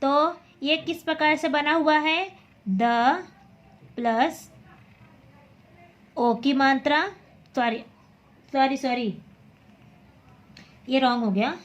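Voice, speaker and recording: Woman teacher, high-pitched, slow and deliberate, patient reading drill, corrects herself with a quick apology. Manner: patient, repeats each syllable aloud; corrects her own slips with quick apologies.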